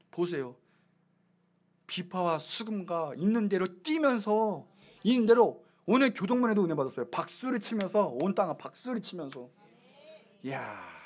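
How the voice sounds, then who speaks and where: Animated high-voiced male pastor. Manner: animated, swings between loud exclamations and hushed asides. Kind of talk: lively sermon. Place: church sanctuary.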